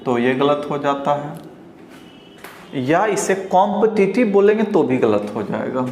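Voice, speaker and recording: Slow, echoey Indian man teaching pronunciation. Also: medium pitch, expressive, gravelly, a little mellow. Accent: Indian, Bihar. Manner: slow, repeats each word several times, drawn-out model words. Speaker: English teacher. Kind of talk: pronunciation lesson. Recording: roomy echo, faint background hiss.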